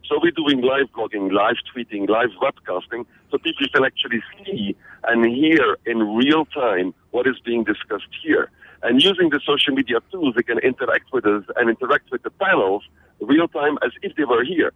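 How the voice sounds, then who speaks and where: Over a tinny, phone-like radio line, a Belgian conference organizer speaks as a guest in a radio interview. His medium-pitched, husky voice is animated at a normal speed, and he talks energetically, often repeating words as he launches into a sentence.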